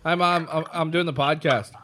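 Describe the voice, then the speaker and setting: Man, group voice chat, higher voice, joking, swearing, audible background noise with clicks. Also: steady tone, normal speed. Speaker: podcast co-host.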